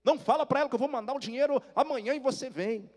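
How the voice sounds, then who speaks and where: A man voicing an older mother, anxious and tearful, asking high, pleading questions. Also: racing, a little mellow, long reverb tail, natural voice.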